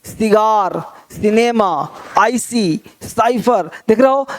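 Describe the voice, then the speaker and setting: A man's voice: sits high, takes it slowly. Man, english teacher, online lesson, reads word lists, rhetorical questions, encouraging. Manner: encouraging, repeats key points.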